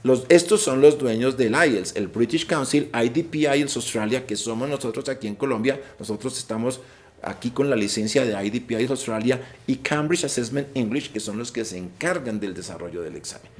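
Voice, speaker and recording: A man's voice: mid-range voice, moderate pace. Emphatic man explaining exam facts. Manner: emphatic, repeats key points. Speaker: IELTS presenter. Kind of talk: informative online session.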